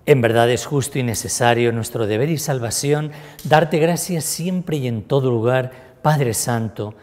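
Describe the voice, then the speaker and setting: A man, a priest, celebrating Mass, praying in a solemn, measured way in a church. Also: mid-range voice, a little mellow. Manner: solemn, measured liturgical prayer. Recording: echoey church with long reverb.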